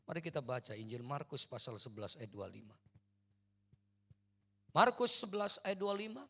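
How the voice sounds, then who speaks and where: Man, pastor, sermon, gravelly husky voice, earnest storytelling. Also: medium pitch, sing-song, brisk, a bit bright. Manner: earnest, repeatedly addresses the congregation.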